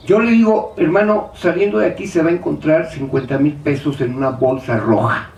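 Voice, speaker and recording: Far from the mic in an echoey church hall, a man preaches, firing rhetorical questions and voicing the doubts of his listeners. He speaks at a moderate pace in a higher-leaning, darkish voice with vocal fry, over a faint hiss or hum.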